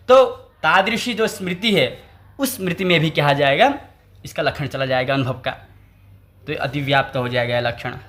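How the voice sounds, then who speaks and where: A man's voice: a little high, fairly bright tone. A man, teaching a text through a lecture. He asks questions, answers them himself and repeats the key terms. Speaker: Sanskrit teacher. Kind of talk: explanatory lecture.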